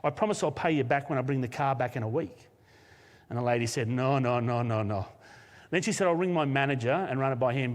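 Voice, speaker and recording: A man with an Australian accent, a senior pastor, telling a personal story in a live sermon with lively laughs. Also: medium pitch. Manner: animated storyteller, laughs often. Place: church auditorium, live service. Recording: long hall reverb.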